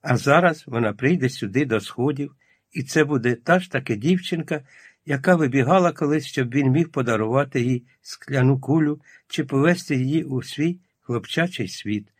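A man narrating a literary audiobook in a calm, measured storytelling manner, with a husky voice. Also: medium pitch, no echo, clean studio sound.

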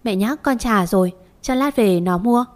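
A woman voicing a brisk, matter-of-fact older mother-in-law in a read-aloud story. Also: medium pitch, natural voice.

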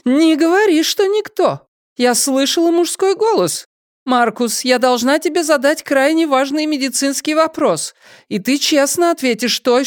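A shrill, frantic middle-aged mother, put on by a male reader in a storybook, her voice pitched very high and fretting melodramatically without pause. The sound is close and dry. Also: no echo. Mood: pleading. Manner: shrill, breathless, melodramatic worrying. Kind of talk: audiobook character voice.

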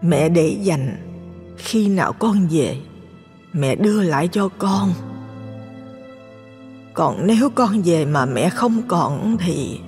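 A man voicing a sick elderly mother, reading out her letter to her son in a slow, tender, pleading way. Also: a little high, expressive, a little mellow, voice pushed up. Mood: tender, longing. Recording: long reverb, faint music behind. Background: faint music.

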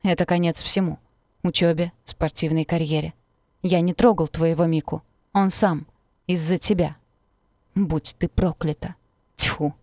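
A woman's voice: lowish voice, steady tone, measured pace, pauses often, a little mellow, no room sound, studio quality. A woman reading a cruel taunting teenage boy. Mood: bitter. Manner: taunting, venomous.

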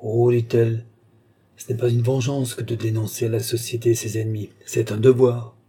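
A man's voice: medium pitch, little pitch movement, moderate pace, dark tone, breathy edge. A defiant young Roman woman held captive, as a male reader puts her on. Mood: indignant. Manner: passionate, defiant, pleading.

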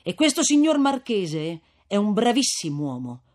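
A man's voice: high-pitched, sing-song, normal speed, voice pushed up. A man reading an audiobook voices an earnest young bridegroom who speaks with urgent, eager bursts.

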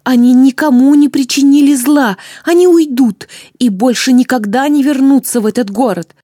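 A woman voicing a young heroine who pleads urgently, her voice raised high. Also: moderate pace, mellow, dry recording, clean studio sound. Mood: pleading.

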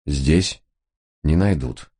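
A man's voice: extremely low pitch, extremely slow, dark tone, husky, exaggerated voice. A man voicing a cool-headed man who speaks curtly, coldly and impatiently. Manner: curt, cold, impatient. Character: cool-headed man tending his brother, curt.

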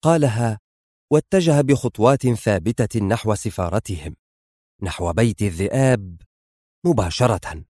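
A man's voice: fairly low pitch, lively intonation, moderate pace, warm tone, dry recording, clean studio sound. Man narrating a spy thriller audiobook. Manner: dramatic storytelling.

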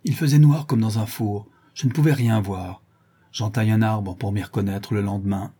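A man voicing a rough, loyal Parisian ex-brawler who rambles in street slang. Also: fairly low pitch, fairly even intonation, normal speed, mellow. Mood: confiding.

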